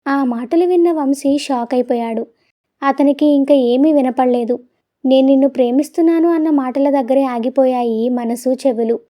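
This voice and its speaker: A woman storyteller giving gentle, expressive scripted narration of a romantic audio story. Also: high voice, normal speed.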